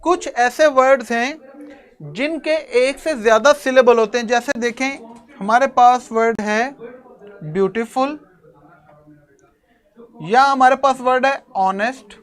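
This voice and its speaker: A man's voice: extremely high pitch, unhurried, pauses often, clear, resonant tone. Patient male English teacher explaining grammar. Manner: patient, explains step by step, addresses students fondly; chuckles now and then. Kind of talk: online classroom grammar lesson.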